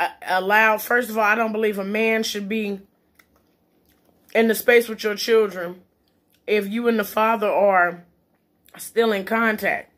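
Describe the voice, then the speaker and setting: A woman with a mid-pitched voice chats casually, as if to viewers over a meal. She is blunt and opinionated, leaning on her points and swearing freely. Her mouth is sometimes full as she talks. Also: a bit bright. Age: adult, parent. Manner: eating while talking, mouth sometimes full. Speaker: vlogger giving relationship and parenting opinions. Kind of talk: casual chit-chat monologue.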